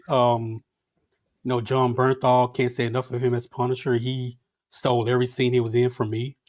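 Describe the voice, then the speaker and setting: A man's voice: mid-range voice, no room sound, clean studio sound. A man chatting casually as a panelist, rambling and laughing between his points. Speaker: show panelist. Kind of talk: casual chat.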